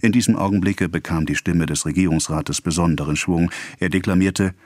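A man narrating an audiobook in a measured storytelling manner. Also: low voice, darkish tone, no room sound, studio quality.

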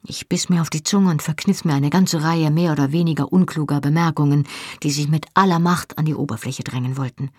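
A first-person audiobook narrator with a husky, slightly raspy tone. The reading is measured and expressive, recorded close and completely dry, with no room around the voice. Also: medium pitch, no room sound.

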